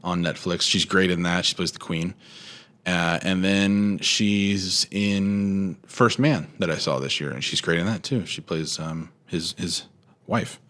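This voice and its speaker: Male podcast co-host, very low voice, relaxed rambling chat. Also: a little slow. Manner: relaxed, rambling, with many fillers. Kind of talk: casual chat about movies.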